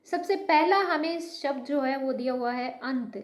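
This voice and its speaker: A woman teaching a Hindi lesson, slowly drawing out each sample word and mixing English words into her explanations. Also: sits high, reverberant, a little hiss or hum. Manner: slow, repetitive, drawn-out pronunciation of sample words. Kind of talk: online language lesson.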